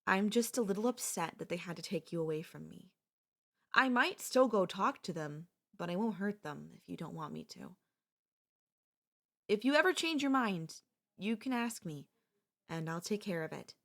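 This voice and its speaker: A young woman plays an obsessive, possessive childhood friend in an ASMR roleplay, speaking softly with a sweet yet menacing calm and drifting into whispers. Her mid-range voice moves at a moderate pace with some vocal fry, and the mood is tender.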